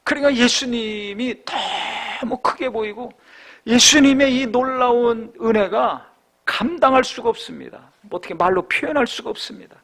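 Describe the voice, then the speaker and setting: A male pastor preaching a sermon with rhetorical questions, swinging between raised exhortation and hushed reflection. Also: extremely high pitch, moderate pace.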